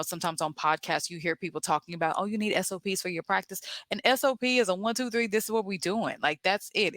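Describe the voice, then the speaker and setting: Southern woman host, bright direct coaching voice, dry close mic, talks straight to listeners. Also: on the low side, no room sound. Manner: energetic, direct, coaching with rhetorical questions. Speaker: podcast host and business coach for therapists. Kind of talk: solo podcast teaching.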